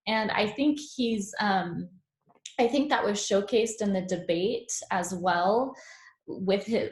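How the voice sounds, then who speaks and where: A woman hosting an interview, chatty and curious in casual conversation. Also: medium pitch. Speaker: interview host. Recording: echoey room.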